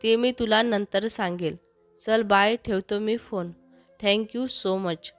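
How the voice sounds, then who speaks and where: A woman voicing an overjoyed young man in love, talking in an eager, softly gushing way in a storybook. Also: mid-range voice, takes it slowly, faint music behind, lightly acted. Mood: excited.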